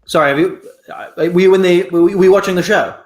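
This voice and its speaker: A man's voice: high-pitched, fairly even intonation, fast, natural voice. A man playing a self-important, awkwardly polite celebrity actor in improvised comedy, stammering slightly. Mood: uneasy, polite. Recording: roomy livestream audio.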